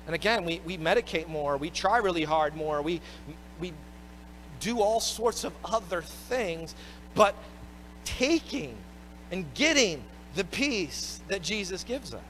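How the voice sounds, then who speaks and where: A man pastor preaching a sermon, expressive, swinging between loud emphatic bursts and quiet low phrases. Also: a little slow, slight background noise. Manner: expressive preaching, rising and dropping in pitch and volume.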